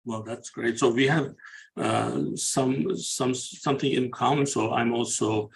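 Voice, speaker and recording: A man's voice: mid-range voice, steady tone, a little slow, vocal fry, slight background noise, low-quality recording. A middle-aged man from Turkey hosting an interview, asking questions with many hesitant fillers. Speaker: interview host.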